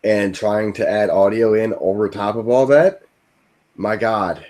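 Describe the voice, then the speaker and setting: A man's voice: on the low side, unhurried, a little mellow. A man in his twenties co-hosting a podcast, chatting in a laid-back, joking way. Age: 20s. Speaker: podcast co-host. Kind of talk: casual chat.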